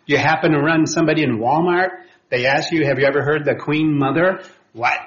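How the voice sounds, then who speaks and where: A man teaching a church class on sharing faith, talking conversationally with many fillers and quick apologies when he slips. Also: fairly high pitch, fairly bright tone. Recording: roomy, dull lo-fi room recording.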